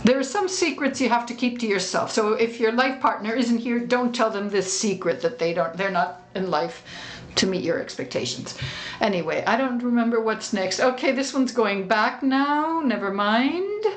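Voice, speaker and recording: A woman speaks from a conference stage, giving a motivational talk. Her voice sits a little high, and she keeps it light and humorous, teasing the audience with rhetorical questions. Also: animated, moderate pace.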